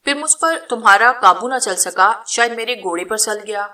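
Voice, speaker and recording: A woman's voice: a little high, sharp tone. A woman reading the part of an injured, stubborn young man who speaks defiantly and questioningly in a storybook reading.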